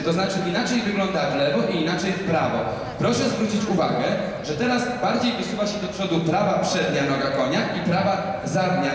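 A man commentating live in an arena, calmly and instructively explaining the riding to the spectators. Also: noisy background. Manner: calm, instructive, addresses the audience directly. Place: large indoor equestrian arena with spectators. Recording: booming arena echo from far off, crowd behind.

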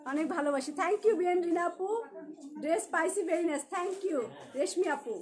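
A woman's voice: very high-pitched, moderate pace, a crowd in the background. A woman with a Bangladeshi Bengali accent, a shop owner selling clothes on a live stream, chatty and joking as she greets viewers by name.

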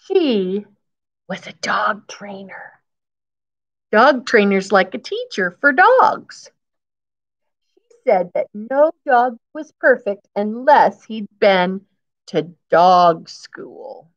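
With a sing-song, mid-range voice, a woman in her fifties reads a picture book slowly to young children in a school classroom, pausing often. She repeats key phrases and explains simply as a teacher does, and the recording is muffled.

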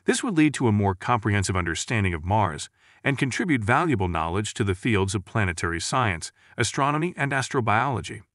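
A man's voice: on the low side, a bit bright, dry recording, studio quality. A man reading scripted documentary narration in a grand, earnest manner.

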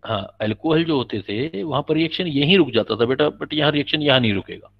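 A man's voice: fairly high pitch, animated, fairly quick, vocal fry. A man teaching a chemistry class, patiently explaining and quizzing his students. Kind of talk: classroom lecture. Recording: dull lo-fi recording.

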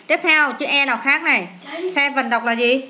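A woman's voice: high voice, normal speed, crowd noise. A woman teacher, going through an English test with a child, asking questions and answering them herself.

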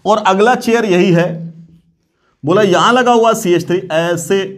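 A man with a high-pitched voice teaches chemistry to a class. He repeats his questions and keeps asking whether the students are clear. He talks in a casual, familiar way, calling them "beta". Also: measured pace. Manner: repeats questions, checks understanding often. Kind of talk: classroom lecture.

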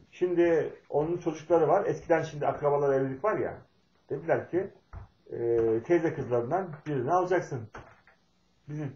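A middle-aged man from Turkey telling a folksy, meandering family story with pauses and fillers. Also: fairly high pitch, a little mellow, roomy sound, dull audio. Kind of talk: spoken talk with personal storytelling.

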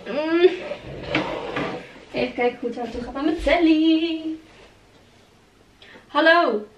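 Young woman vlogging in her bedroom, gushy and excited, kinda high voice, a bit of hiss behind. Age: young adult. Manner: excitable, gushing, exclaims often. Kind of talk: casual vlog chat. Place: bedroom at home. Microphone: handheld camera at arm's length.

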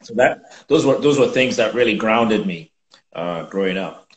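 A man in his fifties from Nigeria talks in a low voice, measured and reflective, pausing on fillers. He is on a video call from a room at home, and the sound rings in an echoey space. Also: animated. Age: 50s. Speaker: guest. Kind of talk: conversational interview.

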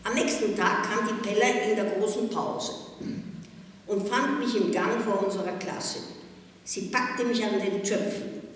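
An older woman reading her own memoirs aloud in a slow, deliberate way. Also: medium pitch, a little hiss or hum. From Austria. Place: public hall at a town office. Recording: echoey hall, distant mic, faint ambience.

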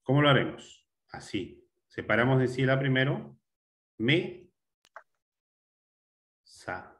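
A male teacher giving a classroom grammar lesson, explaining step by step, repeating words and often checking with a quick question. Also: mid-range voice, lively intonation, fairly bright tone.

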